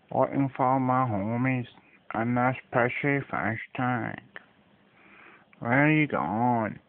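A man with a Glasgow Scottish accent giving playful, sweary, improvised joking commentary over a home video. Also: gravelly. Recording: muffled, tinny phone-like low-fidelity sound.

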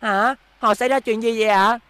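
A man voicing an eager, polite young robot boy in a cartoon dub, high and worried. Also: steady tone, brisk, fairly bright tone, clean tone. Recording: music behind voice.

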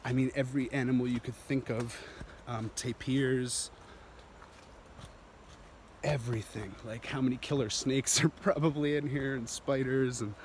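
On a steep jungle trail descent, a thirtysomething vlogger talks into the phone camera he holds at arm's length, rambling eagerly and often laughing. His pitch is medium and his tone steady, he speaks a little slowly, and some faint hiss or hum is audible.

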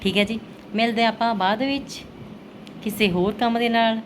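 A woman's voice: fairly high pitch, steady tone, moderate pace. A middle-aged woman with a Punjabi accent chatting casually to her viewers about daily life, often putting questions to them. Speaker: vlogger mother. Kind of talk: casual daily-routine vlog chat to viewers. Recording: clearly noisy everyday vlog recording.

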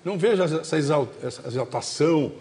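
This seventies-aged TV host with a Brazilian Portuguese accent has a fairly high, slightly mellow voice, and he speaks fast and animatedly. Wearing a lapel mic on a studio stage in front of an audience, he rambles folksily and repetitively, using lots of diminutives.

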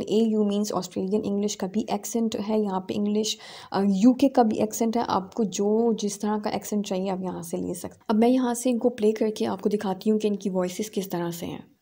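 A woman hosting a screen-recorded software tutorial, explaining each step with small fillers. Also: mid-range voice, slightly rough. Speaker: tutorial host.

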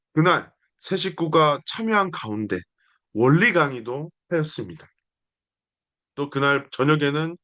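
A young man delivers a sermon in an earnest, declamatory way. His fairly high voice rises and falls with lively movement as he stacks one repeated phrase on the next. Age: young adult. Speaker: preacher. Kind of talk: sermon with scripture reading.

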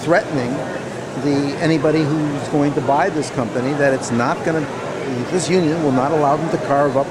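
A man answering interview questions as a union delegate, earnest and measured, often restarting his sentences. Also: fairly high pitch, heavy background noise. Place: busy convention hall. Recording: loud crowd chatter behind.

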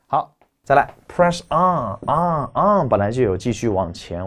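A man's voice: medium pitch, a little mellow. Man teaching English words, emphatic and repetitive. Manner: emphatic, repeats key words, rhetorical questions. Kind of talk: lecture explaining English vocabulary.

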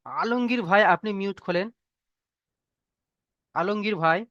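A man's voice: high-pitched, fairly bright tone, dry recording, lo-fi sound. Patient male teacher on a video call. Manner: patient, repeats praise and drawn-out letter sounds. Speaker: Quran reading teacher. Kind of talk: online class teaching Arabic letters.

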